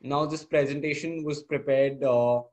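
A man's voice: medium pitch, fairly even intonation, moderate pace, a little mellow, rough recording. A teenage male student with an educated Indian English accent, giving an earnest, formal slide presentation. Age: teenager, about 16 or 17.

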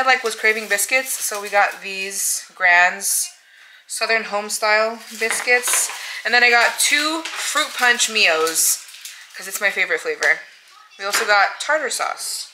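A woman's voice: mid-range voice, background noise. An American woman vlogger chatting casually and thinking aloud, with lots of fillers, sounding tired. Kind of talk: casual chat.

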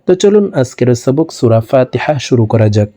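A man with a Bangladeshi Bengali accent teaches Quran recitation syllable by syllable, patiently repeating each sound and drawing words out for learners to copy. His medium-pitched voice is warm and very animated, moving a little fast.

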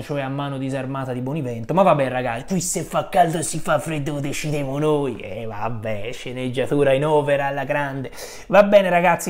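A man giving a casual spoken film review, rambling and hesitant, often trailing off and correcting himself. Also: fairly high pitch.

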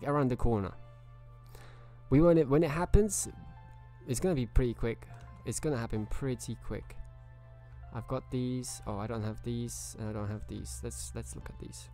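A man's voice: medium pitch, warm tone. A man streaming a video game live, chatting casually and greeting viewers by name.

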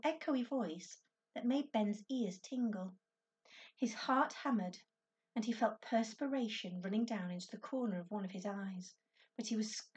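A woman teacher reads a children's book aloud to her class, telling the story clearly and expressively. Her voice is a little high, and she sounds set back from the mic. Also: a little mellow, recorded from a distance.

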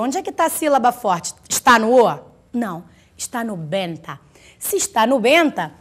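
High, lively woman teaching Spanish. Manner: drawn-out, careful pronunciation of example words; chatty, teasing asides to the student. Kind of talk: recorded language lesson.

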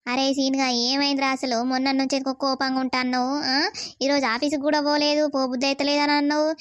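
In animated cartoon voice acting, a woman plays a middle-aged mother-in-law who is worried and nagging yet caring, questioning and scolding her son with a Telangana Telugu accent. Her high voice has little pitch movement and runs a little fast, lightly acted in a dry recording.

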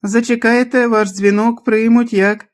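A man voicing a hospital answering machine with a squeaky, mechanical recorded voice that repeats its announcement. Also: unhurried. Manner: flat, repetitive recorded announcement.

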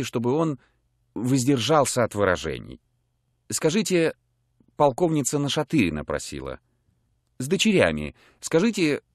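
A man's voice: mid-range voice, dry recording. A man voicing a pompous, scheming colonel's wife in an audiobook, indignant and commanding, in a dry close recording. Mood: sweetly insistent. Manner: indignant, commanding, then coyly sweet. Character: pompous middle-aged colonel's widow, haughty and scheming. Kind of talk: audiobook character voice. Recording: dry close studio mic.

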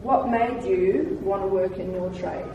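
A woman's voice: mid-range voice, measured pace, recorded from a distance, muffled recording. A woman with an Australian accent moderating a panel, friendly with short affirmations. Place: large meeting room. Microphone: distant room mic. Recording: very echoey room, crowd noise.

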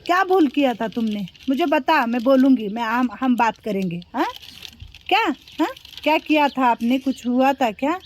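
A woman running an old-age home, gently reassuring a resident, switching between Marathi and Hindi. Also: high voice, expressive, normal speed, slight background noise. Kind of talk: comforting vlog talk.

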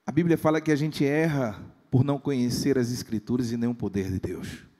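A man's voice: mid-range voice, steady tone, a little fast, warm tone. A pastor, preaching a humorous sermon in a church and acting out the people in his stories. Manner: storytelling, acts out quoted voices. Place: church sanctuary. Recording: long church hall reverb.

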